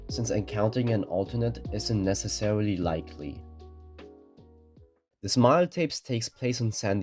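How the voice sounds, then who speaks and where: A fairly deep-voiced man narrates a ranking video with scripted explainer lines, presenting things in an orderly, matter-of-fact manner. Soft music plays in the background.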